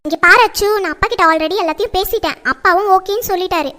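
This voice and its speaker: A woman playing a nagging, very high-voiced mother. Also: fast, bright, forceful tone. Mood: persuading. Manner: scolding, lecturing. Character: nagging middle-aged mother, strict and fretful. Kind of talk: family drama acting.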